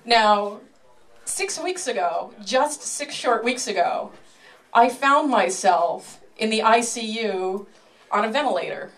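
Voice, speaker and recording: A woman's voice: a little high, expressive, poor audio. Wry female sword swallower doing sideshow patter. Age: 30s or older. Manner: self-deprecating, wry comic delivery; showman-like announcing with dramatic pauses. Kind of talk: live sideshow stage patter. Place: live stage show before an audience.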